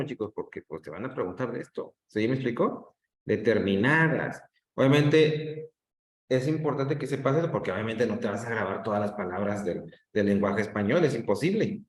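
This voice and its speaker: A man's voice: mid-range voice, darkish tone. A man teaching an online class, drawing out words to show the stressed syllable and often checking in with "¿sí?". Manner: drawn-out demonstrations of stress, frequent checks with "¿sí?". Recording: roomy echo.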